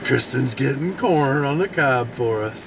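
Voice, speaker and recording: A man's voice: mid-range voice, expressive, measured pace, gravelly. A man casually narrating a road trip vlog while driving, rambling and joking with frequent laughs. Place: inside a moving car. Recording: distant voice, loud road noise.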